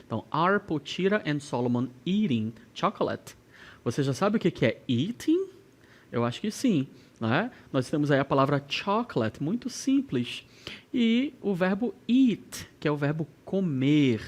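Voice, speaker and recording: Brazilian male English teacher, unhurried, animated intonation, clear classroom delivery. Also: fairly high pitch. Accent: Brazilian Portuguese. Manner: slow, carefully enunciated English examples. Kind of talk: recorded classroom lesson.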